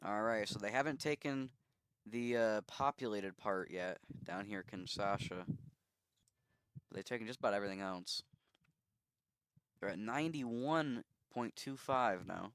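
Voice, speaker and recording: A man's voice: fairly low pitch, a little slow, pauses often, fairly bright tone, clear, resonant tone, no room sound. Man, casual game commentary, thinking aloud, resonant voice, dry close sound. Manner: musing, thinking aloud with easy asides. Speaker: YouTuber commenting on a strategy game simulation.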